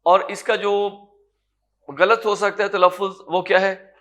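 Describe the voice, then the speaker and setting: Man, Pakistani Urdu accent, tajweed lesson, somewhat high voice, drawn-out letter sounds, patient teacher. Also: little pitch movement. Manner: sounds out Arabic letters slowly, drawn-out and loud. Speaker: Quran recitation teacher. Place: lecture room.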